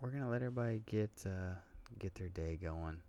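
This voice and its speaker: A man's voice: deep voice, a little fast, warm tone, no room sound. A man co-hosting a casual podcast, blunt and profane, joking as he chats about parenting. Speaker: podcast co-host.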